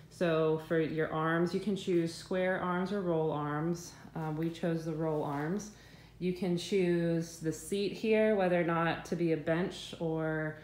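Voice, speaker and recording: A woman's voice: sits low, darkish tone. A young woman giving a casual, chatty review of her couch, hesitant and full of ums and restarts, filmed on a handheld phone in her living room. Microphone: handheld phone filming the room. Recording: echoey room with faint background hum.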